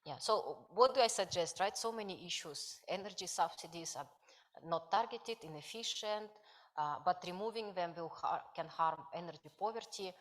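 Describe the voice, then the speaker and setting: A woman from Kazakhstan presents research at an academic conference in a voice on the low side, a bit bright, at normal speed. She speaks hesitantly, using many fillers and non-native grammar.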